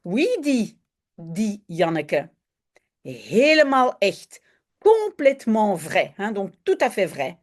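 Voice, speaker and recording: A woman's voice: mid-range voice, very animated, slow pace, a little mellow. A woman language teacher patiently explaining a children's story to her pupils. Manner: patient, explaining with frequent "hein" and "donc".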